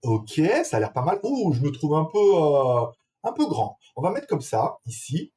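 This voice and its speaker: A man's voice: on the high side, very animated, normal speed, mellow, slightly rough. A man reviewing a webcam in casual French, chatty and laughing often, talking straight to the viewer through the camera's built-in mics. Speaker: tech reviewer. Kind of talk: casual product demo. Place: room with small fan and air conditioner. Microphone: webcam built-in microphones.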